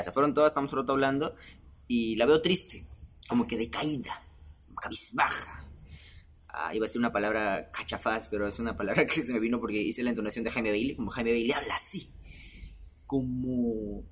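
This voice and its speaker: Young man, podcast host, husky voice, mid-pitched, rambling self-mocking storyteller. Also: quick pace. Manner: chatty, self-mocking, laughs between phrases. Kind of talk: casual storytelling monologue.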